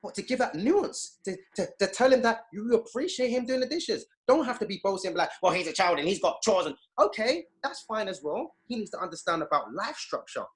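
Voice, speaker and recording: Over a video call, a youth activist guest speaks in a high voice with big pitch swings, a little fast and with hardly any pauses. His impassioned interview talk is emphatic and preachy, complete with acted-out quoted voices.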